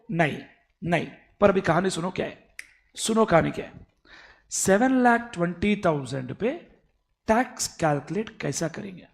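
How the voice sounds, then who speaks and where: A man teaching a tax lecture, animated and fond of addressing his students as "beta". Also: high-pitched, vocal fry. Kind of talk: classroom lecture.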